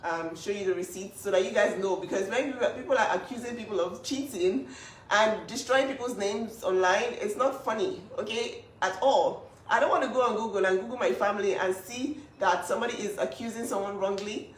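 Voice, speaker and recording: A woman's voice: medium pitch, fairly quick, distant mic, a little hiss or hum. Indignant woman talking from across an echoey room. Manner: emphatic, indignant, talks in bursts with restarts. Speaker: older sister speaking up for family. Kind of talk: casual to-camera vlog talk.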